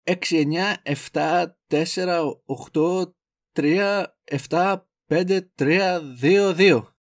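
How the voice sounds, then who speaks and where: An actor playing a clueless, fussy young man who dithers and rambles. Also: high voice. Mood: dithering. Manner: dithering and goofy.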